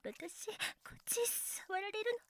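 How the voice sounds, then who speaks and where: A woman acting as a shy, submissive female attendant in an adult audio drama. Her voice is extremely high and recorded close and dry. She delivers intimate pillow talk in a halting, pleading, courteous way. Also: no room sound, heavily acted. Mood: shy, aroused.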